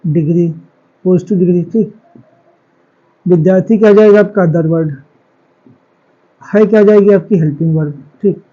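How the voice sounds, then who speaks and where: High-voiced man teaching, dull recording. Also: normal speed, long pauses. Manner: asks questions and answers them himself, repeats key words. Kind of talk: classroom lecture on English grammar.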